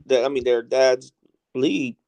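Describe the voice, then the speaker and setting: A man's voice: mid-range voice, little pitch movement, unhurried, darkish tone. A man chatting casually as a panel guest, with agreeable, slangy frat-bro talk full of swearing. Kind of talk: casual chat.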